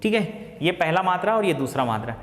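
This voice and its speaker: A male teacher giving a classroom lecture, asking and answering his own questions and slowly repeating key phrases. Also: high-pitched, big pitch swings. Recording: echoey classroom with long reverb.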